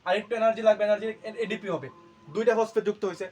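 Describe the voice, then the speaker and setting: Male teacher, high-pitched, lecture style, drills terms by asking and answering his own questions. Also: racing, a little mellow. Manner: repeats key terms to drill them. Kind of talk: classroom lecture.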